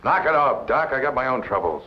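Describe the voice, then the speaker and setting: An actor playing a cynical, hard-boiled safecracker in a vintage B-movie, talking in curt, tough slang. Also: male voice, medium pitch, very animated, a little fast, lightly acted. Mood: dismissive. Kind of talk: vintage B-movie film acting. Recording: muffled old film soundtrack, noisy.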